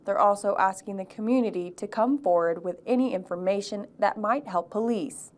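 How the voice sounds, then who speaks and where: A young woman, a TV news reporter, reading a measured news package. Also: mid-range voice. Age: young adult. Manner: measured, clear reporter delivery.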